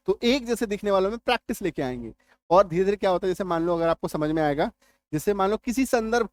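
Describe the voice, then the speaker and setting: Man, high voice, spoken lesson, drills words aloud, asks if it's clear. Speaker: English teacher. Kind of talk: spoken lesson on spelling rules.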